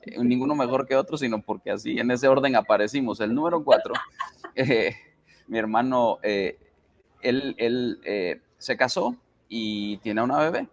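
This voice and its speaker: Gravelly man telling a heartfelt story. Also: mid-range voice, normal speed. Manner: hesitant, many fillers, heartfelt storytelling. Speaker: panel guest. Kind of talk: personal story in a church panel.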